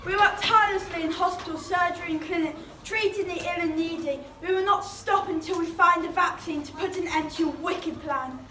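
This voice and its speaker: Female performer as a resolute key worker, very high-voiced. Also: brisk, hardly any pauses. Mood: defiant. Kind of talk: declaimed school play. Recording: echoey, very noisy hall, distant mic.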